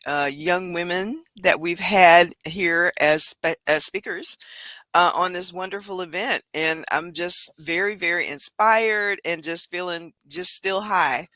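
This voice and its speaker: A woman co-hosting a casual online panel, speaking in an animated way with frequent laughs and a slightly hoarse morning voice. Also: fairly low pitch, a little slow, no echo. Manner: animated, laughs often, lingers on words. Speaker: panel co-host.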